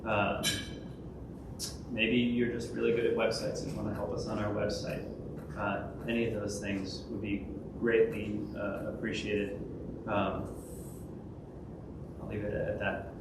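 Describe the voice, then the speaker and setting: A conference speaker with a fairly low voice, vocal fry and little pitch movement talks unhurriedly through a presentation and Q&A. He stumbles often, restarting and using many fillers. The noisy recording comes from afar in an echoey hall.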